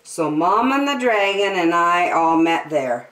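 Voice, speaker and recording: In a roomy, echoing space, a middle-aged woman reads a rhyming storybook for children. Her voice sits a little low, and she goes very slowly, drawing words out with deliberate emphasis. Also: animated, fairly bright tone. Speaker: children's story time host. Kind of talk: expressive read-aloud of a rhyming picture book for children. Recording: roomy indoor echo.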